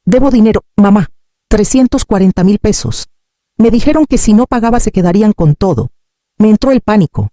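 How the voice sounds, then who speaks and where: A man's voice: a little high, very animated, moderate pace, dark tone, dry recording, studio quality. A man voicing a desperate grown son who confesses his debts in a panicked, pleading way. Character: desperate indebted adult son, breaking down.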